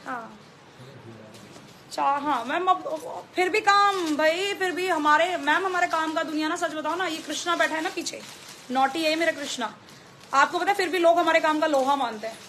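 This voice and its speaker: A woman with a high, bright voice and a Delhi accent hosts a live clothing sale, chatting and repeating her prices. Faint noise from the shop is heard behind her. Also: moderate pace. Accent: Delhi Hindi with English mixed in. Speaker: clothing store owner selling live. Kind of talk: live sales stream.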